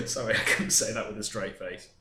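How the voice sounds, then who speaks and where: A man's voice: on the low side, very noisy. A young man co-hosting a podcast, dry and self-mocking in casual chat. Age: young adult. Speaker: podcast co-host. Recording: echoey room.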